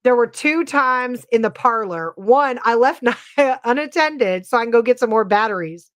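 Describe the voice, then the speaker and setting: A woman hosts a podcast, telling stories casually and chattily with lots of filler words. Her voice is fairly high with lively intonation, and she speaks at a moderate pace.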